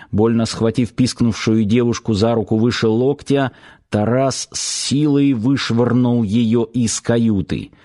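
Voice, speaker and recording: A man reads an audiobook in a steady, even storytelling voice at a medium pitch. His delivery is scripted and measured throughout. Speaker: audiobook narrator. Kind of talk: scripted narration.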